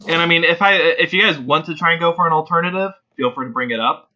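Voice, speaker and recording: A man narrating a tabletop role-play as game master in a steady, descriptive storytelling manner. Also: on the high side, fast, highs cut off.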